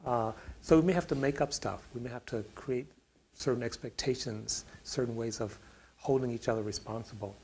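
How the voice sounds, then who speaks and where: A man's voice: mid-range voice, normal speed, darkish tone, a little hiss or hum, low-quality recording. A man on a discussion panel answering a question, talking in a rambling way with many fillers and restarts.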